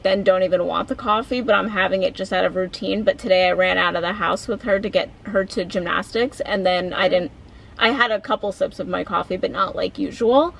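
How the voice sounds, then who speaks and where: A woman's voice: medium pitch, gravelly, a bit bright, low-quality recording. A woman vlogger chatting casually, full of "like" fillers. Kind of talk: casual chat.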